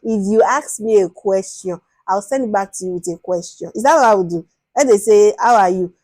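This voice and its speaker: A young Nigerian woman teaches product management in a lively, chatty way. She often repeats her words and briefly acts out conversations with stakeholders. Her voice is dry and close, with no room sound around it. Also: mid-range voice, brisk, dry recording. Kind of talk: informal lecture.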